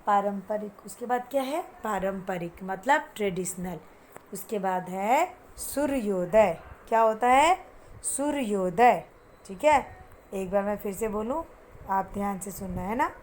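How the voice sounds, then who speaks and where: A woman's voice: medium pitch, expressive, normal speed. Woman, hindi teacher, children's lesson, quizzing questions, english words mixed in, faint background hiss. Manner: mixes English words into Hindi, asks and answers her own questions; calls pupils "beta", has them repeat words after her. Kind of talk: explaining vocabulary to children.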